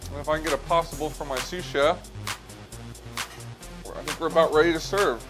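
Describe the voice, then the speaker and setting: Over background music, a chef talks through a recipe at a hot stove in a restaurant kitchen. His male voice is a little high and brisk, and he keeps things relaxed, explaining each step as he cooks for this demonstration.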